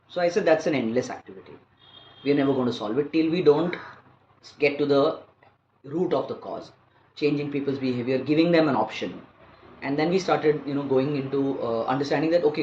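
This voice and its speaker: A man in his fifties with an Indian accent, a wildlife biologist and conservationist, explains things conversationally as an interview guest in articulate, educated English. His voice is medium-pitched with a darkish tone. The recording sounds roomy and muffled, with faint background noise.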